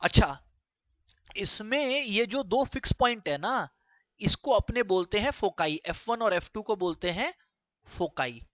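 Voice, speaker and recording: A man's voice: high-pitched, expressive, unhurried, fairly bright tone, no echo. A man teaching a maths lesson to students, repeating key phrases and firing questions at the class.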